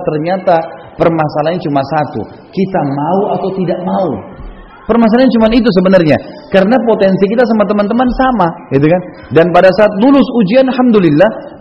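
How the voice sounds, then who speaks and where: A man's voice: a little high, a little hiss or hum. A man preaching a sermon, telling personal stories in a casual, conversational way. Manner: casual, anecdotal, frequent conversational tags. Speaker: Islamic preacher. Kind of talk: storytelling sermon. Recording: echoey hall, dull lo-fi sound.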